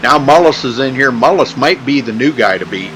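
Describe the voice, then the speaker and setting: A man's voice: mid-range voice, expressive, fairly quick, a bit bright, a little hiss or hum, poor audio. A man working as a motorsport commentator, giving casual, chatty live commentary on a race.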